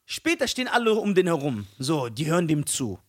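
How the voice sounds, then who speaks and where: A young man with a high-pitched voice tells a story in casual podcast chat. His pitch leaps around as he imitates people and laughs at his own punchlines. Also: a little fast. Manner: animated storytelling, mimics voices, laughs often. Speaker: podcast co-host.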